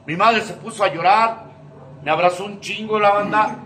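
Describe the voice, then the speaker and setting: A Mexican man with a high voice gives an emotional recovery testimony, emphatic and heavy with street slang and swearing. He stands some way from the mic. His voice rings through an echoey hall over faint background noise. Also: steady tone, moderate pace, fairly bright tone, recorded from a distance.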